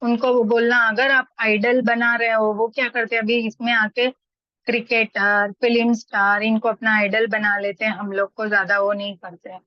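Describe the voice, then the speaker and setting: A woman's voice: fairly high pitch, level tone, moderate pace, dry recording. A middle-aged woman talking casually in a study group, telling everyday stories and acting out the people she quotes. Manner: chatty, anecdotal, acts out quoted voices. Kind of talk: casual spoken discussion. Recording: dull lo-fi dry sound.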